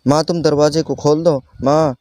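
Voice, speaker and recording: A man's voice: on the high side, fairly even intonation, normal speed, darkish tone, no room sound, studio quality, natural voice. A man voicing a frightened, feverish young girl who pleads with her parents, in a storybook reading. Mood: frightened pleading. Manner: pleading, fearful.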